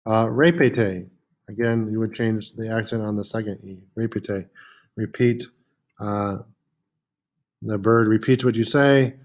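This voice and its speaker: A man's voice: lowish voice, steady tone, measured pace, long pauses. A man teaching a French lesson, patiently repeating words with frequent "uh" fillers. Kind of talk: classroom lesson.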